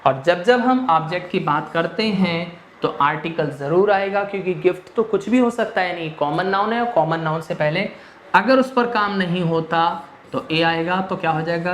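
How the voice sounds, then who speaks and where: In an echoey room with faint noise, a male English grammar teacher lectures in a mix of Hindi and English, switching languages mid-sentence. His voice is on the high side and a bit bright, and he poses rhetorical questions and then answers them himself.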